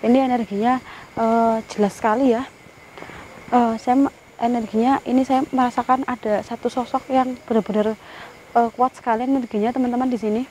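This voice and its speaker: A woman's voice: fairly high pitch, fairly even intonation, a little fast, darkish tone, slight background noise, poor audio. A woman vlogger hunting ghosts outdoors by a river. She directs her cameraman, recites Islamic prayers, and sternly orders a spirit to show itself and leave. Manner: some prayers muttered in a whisper. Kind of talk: paranormal summoning vlog.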